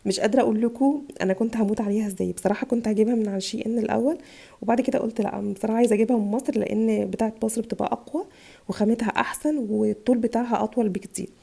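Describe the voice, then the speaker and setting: Very fast, gravelly Egyptian woman with a cold. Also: fairly high pitch, steady tone, dark tone. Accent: Egyptian Arabic. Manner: chatty, gushing over items. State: tired voice from a chest cold. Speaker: vlogger, mother. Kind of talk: casual haul video. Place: home in Italy.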